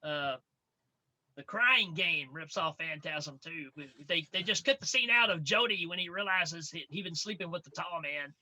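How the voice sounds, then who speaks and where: Man, podcast co-host, high pitch, piercing bright tone, jokey, laughs often. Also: animated, normal speed, low-quality recording. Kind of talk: casual podcast chat.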